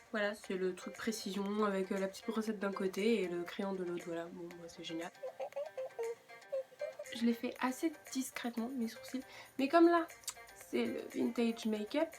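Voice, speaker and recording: A woman with a French accent chatting casually through a makeup tutorial, with self-mocking asides. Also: a little high. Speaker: beauty vlogger.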